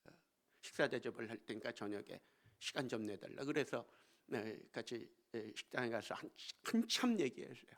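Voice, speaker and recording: A male pastor preaching a storytelling sermon in a church. He swings between hushed asides and emphatic exclamations. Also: medium pitch, normal speed. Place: church sanctuary.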